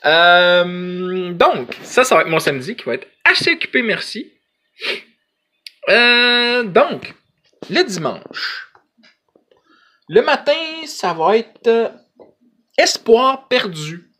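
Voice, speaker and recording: A man's voice: high-pitched, very animated, takes it slowly, pauses often, pushed and bright. A man with a Quebec French accent chatting casually to camera as a vlogger, hesitant and rambling, in colloquial slang.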